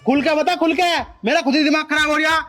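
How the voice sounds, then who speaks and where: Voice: high-pitched, quick pace, fairly bright tone. A performer playing a short-tempered rural husband, scolding his wife in a comedy skit. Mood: irritated.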